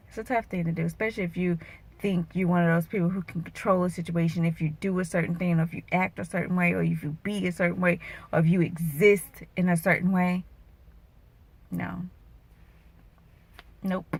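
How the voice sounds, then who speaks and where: A woman's voice: on the low side, vocal fry, darkish tone, husky. A woman in her thirties, an emotional vlogger and bikini competitor, venting earnestly and turning preachy and motivational, her voice wavering at times.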